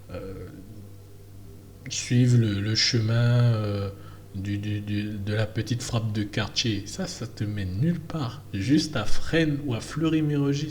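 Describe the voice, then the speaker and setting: A man's voice: lowish voice, darkish tone, slight background noise. A man from French Guiana giving an emphatic, casual opinion monologue with many fillers and restarts. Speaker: vlogger.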